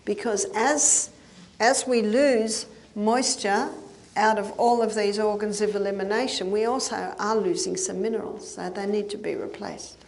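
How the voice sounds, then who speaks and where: Her mid-range voice is gravelly, steady in tone, and measured in pace as this older woman explains health topics step by step to an audience, pausing for occasional laughs and checking questions.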